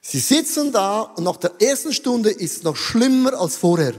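A man preaching a sermon in an animated way, mixing in English phrases and acting out voices. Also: high voice, normal speed, slightly rough. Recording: long hall reverb.

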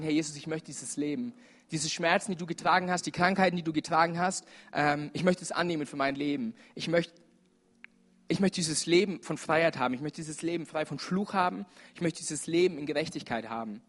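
A man with a somewhat raised voice preaches a sermon in a church service. He speaks earnestly and urgently, pressing his listeners, and his delivery is dotted with fillers. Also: fairly high pitch.

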